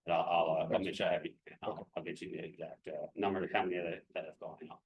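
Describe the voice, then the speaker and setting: A man, a police lieutenant, answering informally at a community meeting in a halting way with repeated phrases. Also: deep voice, little pitch movement, muffled recording.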